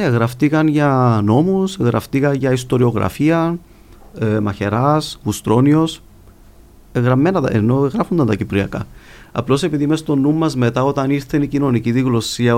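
A man's voice: mid-range voice, darkish tone. A man with a Cypriot Greek accent talking conversationally as a guest linguist in an interview, explaining things with examples. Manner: explanatory, illustrates points with examples.

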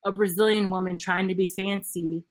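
A young podcast host from Memphis, Tennessee, USA, talks at normal speed in a mid-range voice with fairly even intonation. She's on a remote call, chatty and casual, with plenty of "like," "um" and frequent laughter.

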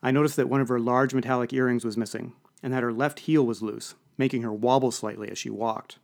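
A man's voice: mid-range voice, steady tone, fairly quick, vocal fry, darkish tone. A man narrating an audiobook in a dry, wry storytelling manner.

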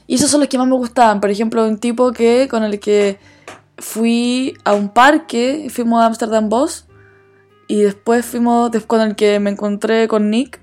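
A woman's voice: a little high, fairly even intonation, normal speed, a little mellow, faint music behind. A woman chatting casually, telling her dating stories candidly and acting out the dialogue with self-deprecating humor. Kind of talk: casual chat.

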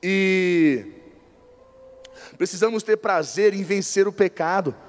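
Guy preaching, high voice, lots of repeating for emphasis, big echoey church. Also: slow pace, faint music behind. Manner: emphatic, repeats phrases for stress. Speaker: bishop preaching. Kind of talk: sermon.

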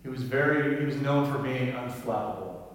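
A man preaching a sermon as pastor, gentle and reflective, often dropping to a soft, quiet voice. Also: mid-range voice, moderate pace, slight background noise. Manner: gentle, reflective, drops to quiet near-whispers. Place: large church sanctuary. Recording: echoey hall, voice from far off.

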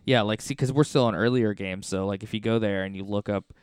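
Blunt low-voiced man, gaming chat. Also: brisk, clean tone, no echo, clean studio sound. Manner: blunt, swears, jokey. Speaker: podcast co-host.

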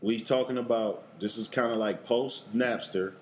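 A man hosting a casual interview, talking in a loose, slangy way and giving lots of quick affirmations. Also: medium pitch, fairly even intonation, slight background noise. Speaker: podcast host.

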